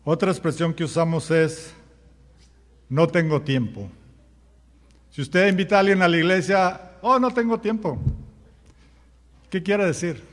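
A man's voice: fairly high pitch, steady tone, normal speed, long pauses, big-room sound. A man preaching a sermon as pastor, firing rhetorical questions at the congregation and acting out common sayings. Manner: acts out everyday sayings in quoted voices.

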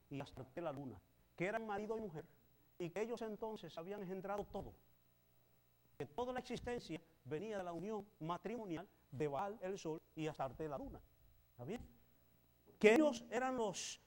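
A male preacher with a notably high-pitched voice delivers a sermon. He swings from loud, emphatic proclamations to soft, confiding asides. He keeps turning to his listeners with rhetorical questions.

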